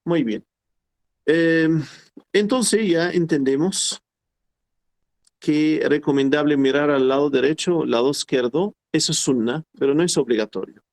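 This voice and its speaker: Middle-aged man teaching a class, slightly high voice, patient and repetitive. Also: darkish tone. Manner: explains slowly and repeats phrases, quotes Arabic formulas. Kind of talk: online class lecture.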